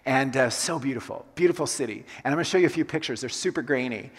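A man's voice: mid-range voice, quick pace, husky. Man preaching in a reverberant church. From Colombia. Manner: conversational, repeats key phrases for emphasis. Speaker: pastor. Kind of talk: sermon. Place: church sanctuary. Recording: long hall reverb.

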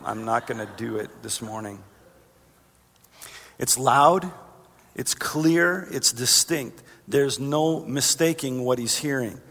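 A man's voice: gravelly, fairly bright tone. Man preaching in an echoing hall. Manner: earnest, rises in pitch for emphasis. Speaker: pastor. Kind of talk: sermon. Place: church sanctuary. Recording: long reverb of a large hall.

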